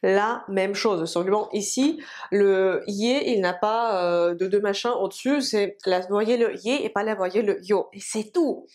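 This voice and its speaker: Slow-spoken woman teaching pronunciation. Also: mid-range voice, darkish tone. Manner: slow, deliberate pronunciation drills, repeating words. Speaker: Russian teacher. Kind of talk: language lesson.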